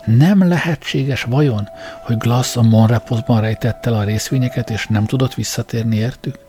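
A man voicing an excitable elderly bearded gentleman, a fussy local historian, who speaks slowly and asks rising, wondering questions. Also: mid-range voice, soft background music, lightly acted.

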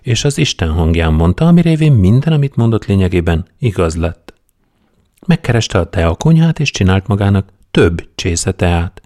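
A man narrating an audiobook in a steady, wry storytelling manner. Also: deep voice, no echo, studio quality. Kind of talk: scripted narration.

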